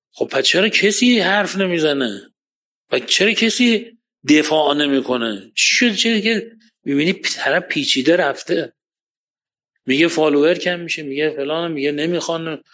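A man giving a religious lecture, passionate, swinging between loud emphatic points and quiet asides and reciting scripture verses. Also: on the high side. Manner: recites Quranic Arabic verses.

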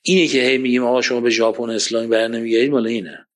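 A man giving a religious lecture, passionate, swinging between loud emphatic points and quiet asides and reciting scripture verses. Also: medium pitch, flat delivery. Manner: recites Quranic Arabic verses.

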